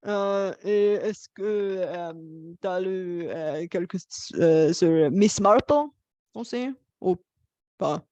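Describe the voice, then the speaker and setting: A woman from Bulgaria, speaking a language that is not her own, talks very slowly and keeps pausing on fillers as she hunts for words. Her voice sounds dry and close. The recording is dull and lo-fi. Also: on the low side, dark tone, dry recording. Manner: hesitant, many fillers while searching for words. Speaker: host. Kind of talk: casual multilingual conversation.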